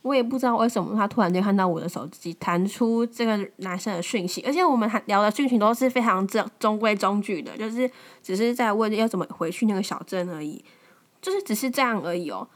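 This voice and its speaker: In her twenties and from Taiwan, this podcast host tells a personal story in a loose, casual monologue, talking fast in a mid-range voice. She uses many fillers and restarts, and her pitch climbs whenever she repeats angry lines.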